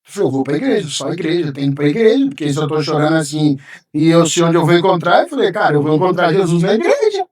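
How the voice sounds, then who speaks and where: A man's voice: fairly high pitch, sing-song, racing, darkish tone. Pastor telling his story, roomy sound. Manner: emotional, vivid storytelling, acting out his own past words. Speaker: pastor, podcast guest. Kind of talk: personal testimony in a podcast interview. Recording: roomy sound, mic at a distance.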